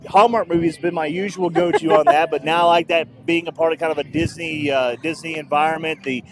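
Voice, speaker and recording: A man with a fairly high, steady voice talks at a fairly quick clip while hosting a live street broadcast on a handheld mic. He rambles and jokes in an upbeat way, standing outdoors at a loud street festival.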